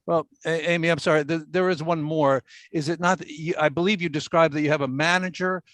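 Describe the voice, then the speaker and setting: A man's voice: fairly high pitch, steady tone, fairly quick, a bit bright, no room sound. A man questioning a witness as a commissioner, phrasing his questions carefully with small stops. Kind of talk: questioning at a hearing.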